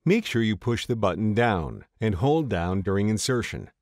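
A male tutorial narrator with a lowish voice reads a scripted instructional voice-over, steadily and calmly measuring out each step. The booth sound is dry, with no echo.

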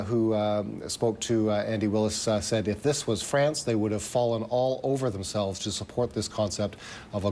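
Male business reporter, low voice, halting live delivery, slight background rumble. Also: darkish tone. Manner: halting, many filler pauses.

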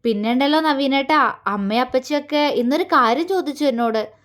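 Audio story: a shy, hesitant young wife, voiced by the narrator, soft and high. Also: female voice, fairly quick.

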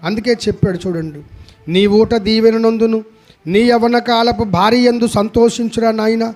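Guy preaching a fiery sermon, really high voice, goes from yelling at you to almost whispering. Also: steady tone, normal speed. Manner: impassioned, swinging from loud scolding to hushed pleading.

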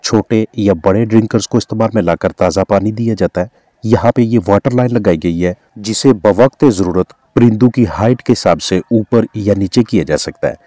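A man's voice: fairly low pitch, no echo. A man with a Pakistani Urdu accent, a veterinarian giving formal, instructive, scripted voice-over narration. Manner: formal, instructive, steady delivery.

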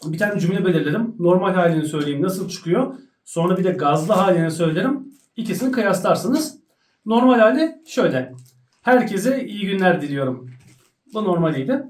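A woman's voice: on the low side, expressive, normal speed, darkish tone. Woman vlogger in an echoey room. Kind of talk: casual explanation to camera. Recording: roomy, distant mic, faint noise.

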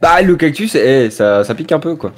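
A man's voice: a little high, animated, moderate pace. A man joining a casual gameplay chat as a guest, teasing and laid-back in his banter. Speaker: guest player.

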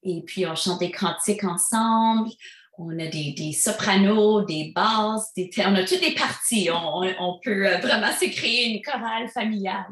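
Speaking at normal speed with a medium, slightly bright voice, this Franco-Albertan singer-songwriter in her thirties sounds chatty and uses lots of fillers. It's a casual interview recorded in an echoey room, and her accent is Franco-Albertan French from Alberta, Canada.

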